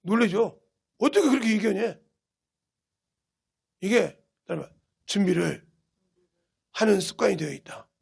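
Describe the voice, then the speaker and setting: A middle-aged male pastor from South Korea, preaching emphatically and swinging between loud bursts and hushed asides. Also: sits high, expressive, a little slow, vocal fry, long pauses, husky. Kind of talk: sermon.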